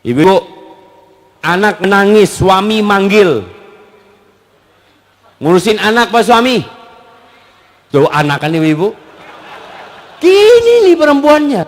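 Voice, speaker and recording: Animated male preacher with a lively voice. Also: sits high, takes it slowly, long pauses. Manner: animated, acts out husband-and-wife dialogues. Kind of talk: Q&A sermon.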